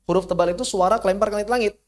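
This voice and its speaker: A man's voice: sits high, darkish tone. Indonesian man teaching Quran recitation. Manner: demonstrates sounds with drawn-out syllables, asks and answers his own questions; casual, mutters to himself while fixing slides. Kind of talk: online tajwid lesson.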